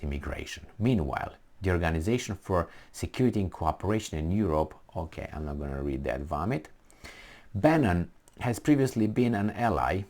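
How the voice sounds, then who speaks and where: Man, very low deep voice, blunt and defiant, casual commentary. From Romania. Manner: blunt, defiant, animated, with frequent restarts and fillers. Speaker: political commentary vlogger.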